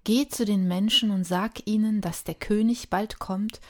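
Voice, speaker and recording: A woman voicing a hushed, solemn heavenly voice. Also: medium pitch, fairly even intonation, unhurried, lightly acted.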